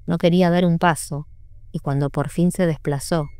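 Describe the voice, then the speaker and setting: A woman narrating an audiobook in a measured, sombre reading. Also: lowish voice, fairly even intonation, darkish tone, clean tone, dry recording. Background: faint music.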